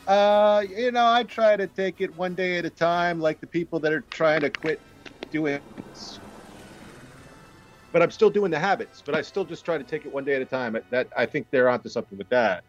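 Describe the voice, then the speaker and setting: Man, fairly high voice, hollow well-like Skype audio, dull lo-fi line, wry halting chat. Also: soft background music. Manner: wry, halting, with trailing restarts. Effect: hollow Skype audio, as if at the bottom of a well. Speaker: guest on a call-in show. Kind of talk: casual chat. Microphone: Skype call from home.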